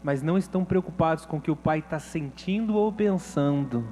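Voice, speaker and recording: A male preacher voicing God as a loving father, who speaks in a slow, low, solemn and tender way. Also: mellow, slight background noise, lightly acted.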